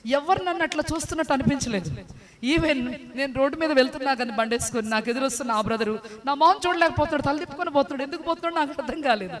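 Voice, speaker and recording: Woman giving a church testimony, talks fast, earnest and fervent, keeps asking the crowd questions. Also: sits high. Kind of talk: spoken personal testimony.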